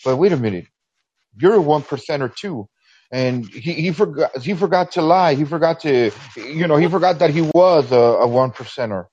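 A man calling in to a talk show over the phone, talking in a rambling, halting way with many restarts. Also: fairly high pitch, expressive, darkish tone, slightly rough. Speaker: caller. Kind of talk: call-in chat. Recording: dull phone line with faint noise.

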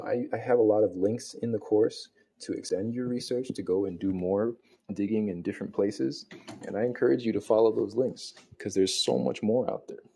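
This man hosts a casual solo podcast while making breakfast, rambling along with plenty of fillers, restarts, and self-corrections. His voice is lowish, gravelly, and warm, with a bit of hiss or hum in the audio, and Spanish is not his first language.

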